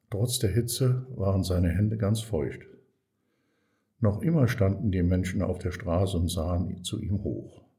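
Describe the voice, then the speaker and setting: A man reading a children's story aloud as narrator, calm and measured. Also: low-pitched.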